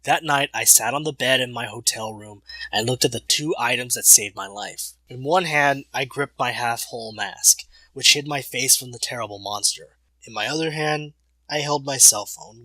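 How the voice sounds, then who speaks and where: A man reading a scripted horror story as narrator, in a serious, deliberate, dramatic way. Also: medium pitch, pushed and bright, dry recording, rough recording.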